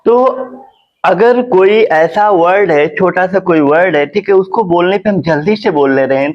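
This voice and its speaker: A male teacher giving a phonics lesson, repeating words slowly and asking questions to the class. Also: high voice, dull audio. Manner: slow, repetitive, drawn-out teaching.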